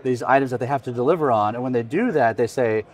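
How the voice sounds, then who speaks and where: Talking fast in a mid-range, slightly dark voice, a man in his forties conducts a relaxed, rambling interview in an informal style. He's at a booth in a crowded indoor expo hall, using a stand-mounted podcast microphone.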